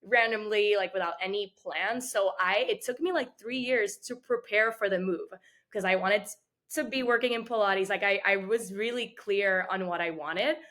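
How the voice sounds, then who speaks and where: Soft-spoken young woman from Puerto Rico. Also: mid-range voice, normal speed. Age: 20s. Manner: chatty, many "like" fillers, soft-spoken. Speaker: guest, dancer. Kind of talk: casual interview answers.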